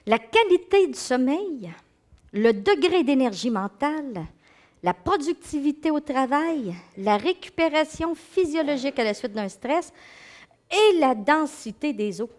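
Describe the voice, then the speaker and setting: High-voiced quebec woman giving a lecture, swoops all over the place, plays out little excuses. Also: measured pace. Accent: Québécois French. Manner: animated, acts out inner voices, laughs with the audience. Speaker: psychologist and speaker giving a talk. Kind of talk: lively lecture to an audience.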